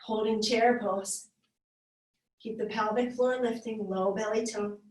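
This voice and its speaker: A woman's voice: medium pitch, fairly even intonation, measured pace, darkish tone. A woman yoga instructor leading a live class with hand weights, cueing each move in an encouraging, slightly winded voice. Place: yoga studio. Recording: echoey room, voice from far off.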